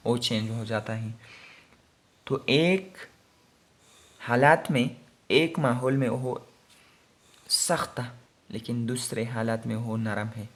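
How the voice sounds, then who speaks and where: A man gives a grammar lesson, taking his time over each point. He talks at a slow, unhurried pace in a mid-pitched voice, repeating each example and dropping English words into his explanations. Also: gravelly. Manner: explains slowly, repeating examples, mixing English terms into Hindi-Urdu talk. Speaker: teacher.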